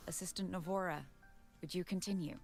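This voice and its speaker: A woman voicing a composed female professor who lectures in a calm, measured way. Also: fairly low pitch, creaky, over music. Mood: lecturing. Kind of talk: game voice acting.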